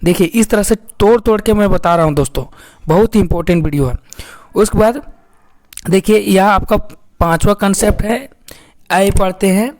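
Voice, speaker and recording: Guy teaching english sounds, spells each word out letter by letter, slow and repetitive. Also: high-pitched, a little mellow. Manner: slow, repetitive, keeps addressing viewers as friends. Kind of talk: spelling out words letter by letter in a lesson.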